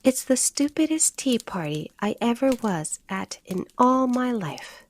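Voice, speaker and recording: A woman's voice: fairly high pitch, big pitch swings, unhurried, voice pushed up. A woman voicing a polite, earnest young girl in a storybook reading. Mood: polite curious. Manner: humble, earnest.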